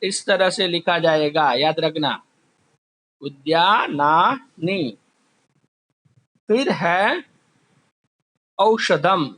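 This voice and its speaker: A man teaching a class, slowly drilling word forms, asking questions and answering them himself. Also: fairly high pitch, lively intonation, a bit bright. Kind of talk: slow classroom explanation. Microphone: recorded while writing on a board.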